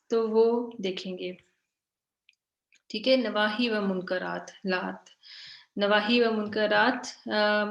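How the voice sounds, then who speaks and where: A woman teaching Quranic grammar in an online lesson. She explains her slides, often repeats her points and checks in with "theek hai", and reads the example words slowly and drawn out. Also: mid-range voice, gravelly, a bit bright, roomy sound.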